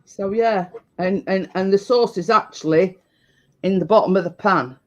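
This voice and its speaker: A woman's voice: medium pitch, normal speed, muffled recording. A woman co-hosting a baking show, chatting casually and rambling as she repeats herself. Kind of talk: casual live-stream chat.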